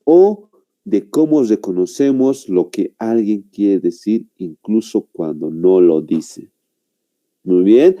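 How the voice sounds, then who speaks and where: Dark-voiced teacher, animated. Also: male voice, on the low side. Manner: explains slowly, often checks with "¿no?" and "muy bien". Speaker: language teacher. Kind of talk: online grammar lesson.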